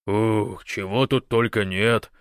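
Dude voicing a hyped-up big guy babbling fast over the radio, dry sound. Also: lowish voice, fairly even intonation, clear, resonant tone, no room sound. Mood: flustered. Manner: hurried, jabbering. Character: big excitable man, eager radio buddy.

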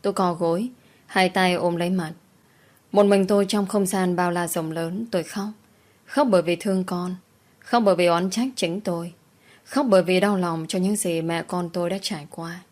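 A woman's voice: lowish voice, fairly even intonation, normal speed, darkish tone. A woman narrating a first-person audiobook story with a mournful, emotional delivery.

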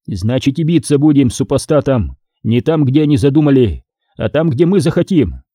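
A man's voice: medium pitch, animated, moderate pace, warm tone, no room sound, close to an everyday voice. A man doing a brash joking medieval captain. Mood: bantering.

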